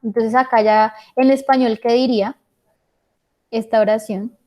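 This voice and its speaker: Woman, English teacher, patient online class, quizzes students, fairly high voice. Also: fairly even intonation, unhurried, warm tone. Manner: patient, checks understanding with questions.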